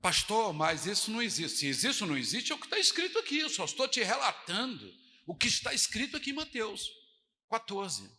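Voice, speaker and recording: A Brazilian man preaching a dramatic sermon as pastor, switching between shouted lines and quiet asides. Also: very high voice, huge pitch swings, a little fast. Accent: Brazilian Portuguese. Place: church hall. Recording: church hall reverb.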